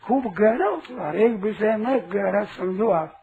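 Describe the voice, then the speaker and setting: High-voiced man preaching on a tinny recording. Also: expressive, a little slow, creaky, husky. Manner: asks rhetorical questions and sternly corrects a questioner. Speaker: spiritual teacher. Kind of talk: spiritual discourse to an audience. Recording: tinny lo-fi recording with faint hiss.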